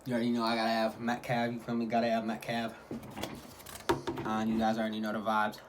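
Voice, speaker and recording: A man's voice: on the low side, monotone, quick pace. A man talking casually in a food vlog, hyping things up in repetitive slang. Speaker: mukbang vlogger. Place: at home. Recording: clearly noisy home recording.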